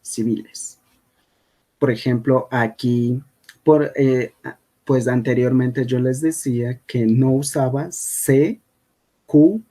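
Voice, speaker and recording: A man's voice: mid-range voice, warm tone. A man whose first language is Kogui teaching a language lesson over slides, often checking in with the listener. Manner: unhurried, checks in with frequent "¿sí?".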